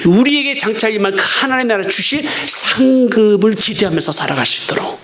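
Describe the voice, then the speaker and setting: A man's voice: high-pitched, lively intonation, fairly quick, a bit bright. A middle-aged man, a missionary, preaching a sermon in an earnest way, pleading at times and repeating lines for emphasis.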